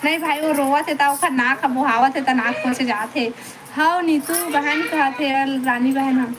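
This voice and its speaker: Chhattisgarhi woman vlogger, unhurried and coaxing, reading viewer comments aloud over a noisy phone line. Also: high voice. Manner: chatty, coaxing, greets viewers by name. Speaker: live-stream vlogger. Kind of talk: casual live chat reading viewer comments. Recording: noisy live-stream audio.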